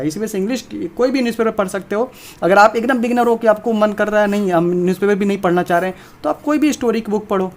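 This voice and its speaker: A man teaching an informal video lesson on exam preparation, emphatic and repetitive, talking straight to his viewers. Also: high-pitched.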